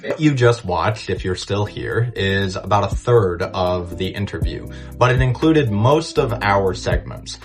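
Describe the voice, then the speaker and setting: A man hosting a channel, wrapping up the video with a relaxed, chatty sign-off. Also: on the low side, a little slow, hardly any pauses. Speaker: channel host. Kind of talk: casual video outro. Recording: loud music under voice.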